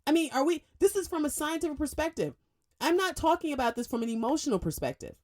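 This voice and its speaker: A woman hosting a radio talk show, delivering an emphatic, opinionated monologue in a studio, speeding up in bursts and jumping up in pitch for emphasis. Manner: emphatic, lively, fast bursts and sudden pitch jumps.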